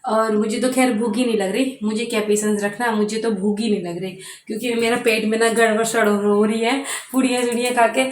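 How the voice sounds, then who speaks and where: A young woman talks straight to her viewers in a relaxed home vlog, wandering from one little story to the next with plenty of fillers. Her voice sits a little high. The room around her is echoey, like a bare kitchen at home. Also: brisk, slight background noise. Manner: chatty, rambling storytelling with many fillers. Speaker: vlogger. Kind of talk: casual home vlog chat.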